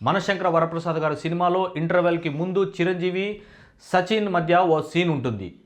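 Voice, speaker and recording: A man giving a scripted entertainment news voice-over in a steady, formal reading manner. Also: high voice, moderate pace.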